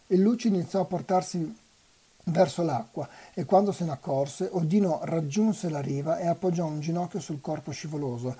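A volunteer reader reading a novel aloud for a web radio reading marathon, in an unhurried, even way. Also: mid-range voice, husky.

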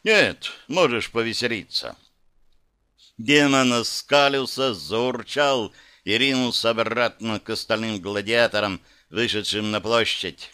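A man's voice: on the low side, steady tone, a little slow, pushed and bright, clear, resonant tone. A man narrating a first-person fantasy audiobook with dramatic, vivid storytelling.

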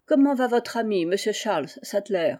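A woman's voice: mid-range voice, lively intonation, normal speed, a little mellow, lightly acted. A woman voicing a bitter, mocking woman with powers of control in a storybook reading.

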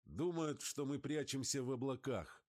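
Guy doing a wild pilot yelling over the engine, way higher than his own husky voice. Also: normal speed, close to an everyday voice. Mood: excited. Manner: loud excited shouting. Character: daring thrill-loving male pilot, adult. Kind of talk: audiobook character voice.

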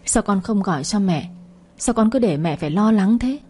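A woman reading the part of a scheming, cruel middle-aged stepmother, speaking with quiet, cutting spite. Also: mid-range voice, animated, moderate pace, breathy edge, soft background music. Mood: fake sweetness.

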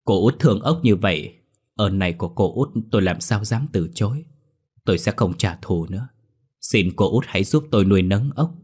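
A man voicing the ghost of a grieving mother in a ghost story, speaking through sobs in a husky, low voice. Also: expressive, brisk, a little mellow. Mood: tearful. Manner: sobbing, pleading.

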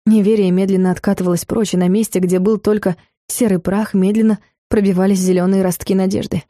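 A woman reading an audiobook in an even, measured manner. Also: mid-range voice, no room sound, clean studio sound. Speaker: audiobook narrator. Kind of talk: scripted audiobook narration.

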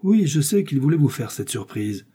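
A man's voice: medium pitch, very animated, normal speed, warm tone, husky, voice pushed up. A man reading aloud and voicing a foolish, eager middle-aged shopkeeper who is keen to please.

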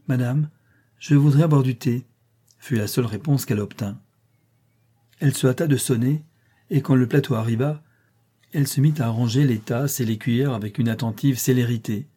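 A man reading a classic novel aloud as an audiobook in a measured, even way. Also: mid-range voice, breathy edge. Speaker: audiobook reader. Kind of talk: scripted narration.

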